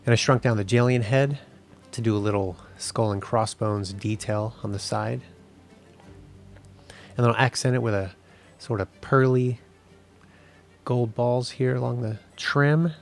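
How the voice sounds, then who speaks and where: A man in his thirties, a 3D game artist, narrating a tutorial voice-over in a relaxed, explanatory way. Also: mid-range voice, a little slow, gravelly, long pauses, faint music behind.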